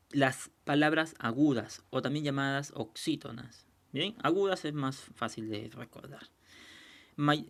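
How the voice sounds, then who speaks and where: A man teaching a recorded lesson, explaining patiently, checking understanding and slowing down to sound out example words. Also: medium pitch, vocal fry.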